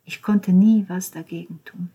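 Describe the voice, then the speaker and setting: A woman doing a loud, brash young man. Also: lowish voice, fairly even intonation, moderate pace, breathy edge, voice pushed up. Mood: earnest. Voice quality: loud, taunting, slangy.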